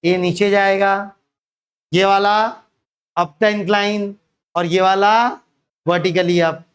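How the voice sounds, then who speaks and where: A man's voice: sits high, flat delivery, drawn-out words, smooth. A man teaching a physics lesson to students. He keeps asking them questions and then answers them himself. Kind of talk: classroom lecture.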